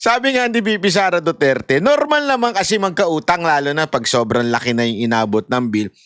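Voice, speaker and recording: A man's voice: on the high side, expressive, a little fast, fairly bright tone, clean tone, no echo, clean studio sound. A man from the Philippines giving heated commentary to his viewers, laughing often and swearing between apologies. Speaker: online commentator.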